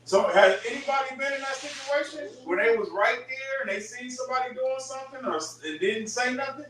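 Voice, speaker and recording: A man with a high-pitched voice leads a group Bible study, explaining points in an emphatic, chatty manner and often checking that his listeners follow. He sounds some way from the mic, in a very echoey room. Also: brisk, a bit bright, recorded from a distance, a little hiss or hum.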